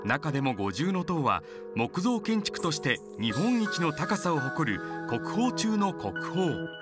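Man, high-pitched, animated, playful scripted narration, loud music behind. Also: slow. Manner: playful, exclamatory.

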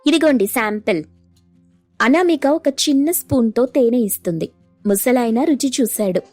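A woman narrating a cartoon storybook in a steady, even manner. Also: high voice, normal speed, no echo, faint music behind.

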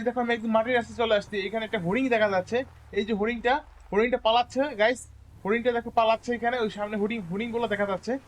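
A man giving casual gameplay commentary, chatting to his viewers and repeating words when excited. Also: high-pitched, slight background noise. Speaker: gaming YouTuber.

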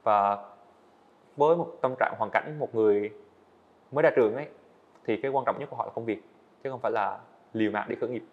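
On an indoor studio podcast set, an eighteen-year-old guest animator earnestly recounts his own story and answers politely. His mid-range voice moves at a quick pace with frequent pauses, and the sound is lo-fi.

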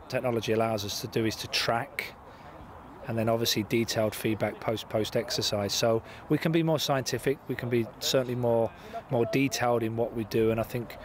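A man in his forties with a mid-pitched voice, interviewed out on a football pitch. He explains things haltingly, repeating words as he builds each point. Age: 40s. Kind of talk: interview answers.

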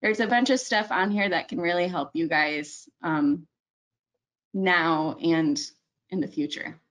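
A webinar presenter walks viewers through a website over screen share, chatty and correcting herself often with many ums. Her voice is fairly low with a fairly bright tone, and she doesn't rush.

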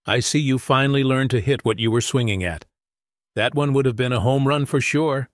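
A man reading the calm, fond words of a small-town sheriff in an audiobook. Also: medium pitch, a little fast, no echo, clean studio sound, lightly acted.

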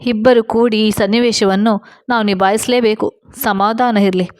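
A woman reading the lines of a young husband gently comforting his wife in a story. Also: mid-range voice, steady tone, moderate pace, lightly acted.

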